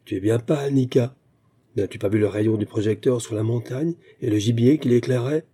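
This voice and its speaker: A man's voice: mid-range voice, fairly quick, husky, close to an everyday voice. A man voicing a jealous, furious young customs guard who sneers and threatens in a read-aloud story. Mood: sneering. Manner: sneering, menacing, loud.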